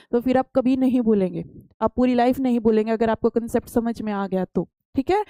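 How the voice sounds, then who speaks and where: Patient woman teacher, warm and dry. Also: a little high, dry recording. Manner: explains patiently, repeats questions back to pupils. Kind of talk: classroom science lesson.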